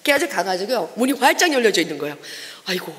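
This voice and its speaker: Lively woman preacher in a reverberant church. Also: mid-range voice, rapid-fire. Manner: lively storytelling, acting out the people in her story. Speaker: evangelist. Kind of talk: testimony sermon. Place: church sanctuary. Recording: long reverb of a church hall.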